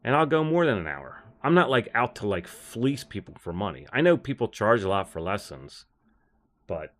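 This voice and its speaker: A man's voice: on the low side, very animated, moderate pace, fairly bright tone. A man who coaches golf, chatting on a livestream in a blunt, rambling, scornful way. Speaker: golf instructor and livestream host. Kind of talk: casual livestream chat.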